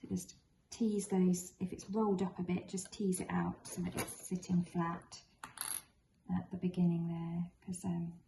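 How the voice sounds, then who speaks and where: Her voice sits on the low side, with a flat, unhurried delivery, as she presents a sewing tutorial in a casual, encouraging, conversational style. The home room she records in is echoey, and builders can be heard drilling and working clearly in the background.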